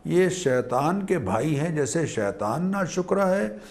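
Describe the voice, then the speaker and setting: A man, a religious scholar on a TV program, explaining scripture in a measured, learned manner and weaving in Arabic quotations. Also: fairly high pitch, animated, a little mellow.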